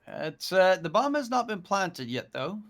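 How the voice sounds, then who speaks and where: A man giving live esports match commentary as a caster, lifting excitedly on key plays. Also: high voice, measured pace. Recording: faint game noise and gunfire.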